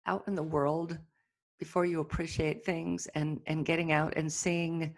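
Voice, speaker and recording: A chatty woman in casual conversation, telling personal stories with eager enthusiasm. Her voice is fairly low and has a gravelly fry to it. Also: level tone, measured pace. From United States. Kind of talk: casual chat.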